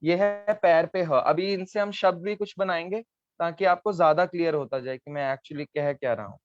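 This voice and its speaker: Patient man teaching script, slightly high voice. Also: normal speed, no room sound, lo-fi sound. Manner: patient, explains step by step, checks with "theek hai". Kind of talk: online Gurmukhi lesson at a board.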